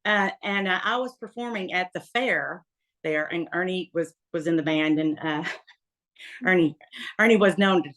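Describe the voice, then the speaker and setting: Woman, Southern accent, fifties, chatty, laughing storyteller, lower pitch. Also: normal speed, fairly bright tone. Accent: Southern American. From Tennessee, USA. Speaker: guest. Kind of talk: casual interview storytelling.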